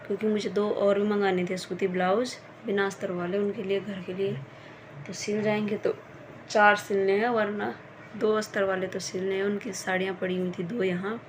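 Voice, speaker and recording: A woman's voice: medium pitch, a little hiss or hum, poor audio. A woman chatting casually at home in a vlog, rambling through everyday stories as a mother. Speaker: vlogger mother. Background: background music.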